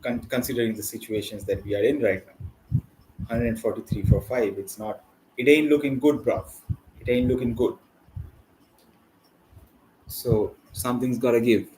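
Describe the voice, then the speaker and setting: A man hosting a live cricket watchalong, rambling and chatty with slang and sudden excited bursts over the play. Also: medium pitch, moderate pace, long pauses, slight background noise, poor audio. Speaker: watchalong host. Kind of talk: casual live cricket commentary.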